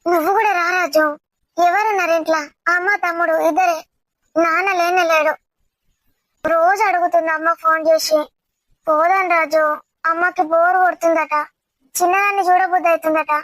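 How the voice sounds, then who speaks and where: A woman's voice: very high voice, fairly even intonation, normal speed, long pauses, fairly bright tone, dry recording. A woman, acting in an amateur family comedy drama as a young wife who keeps pleading with her husband to let her visit her mother. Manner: whiny, insistent, pleading.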